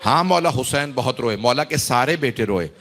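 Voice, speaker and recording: A man's voice: mid-range voice, expressive, fairly bright tone. A man, a cleric, delivering an emotional mourning sermon to a gathering, grieving and impassioned, drawing out his phrases as his intensity builds. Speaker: Shia cleric addressing a majlis.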